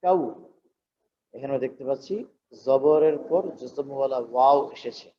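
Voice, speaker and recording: A man's voice: medium pitch, normal speed. A man, an imam, teaching Quran recitation. He explains patiently and chants the verses long and drawn out. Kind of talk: slow Quran recitation lesson. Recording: dull lo-fi recording with faint noise.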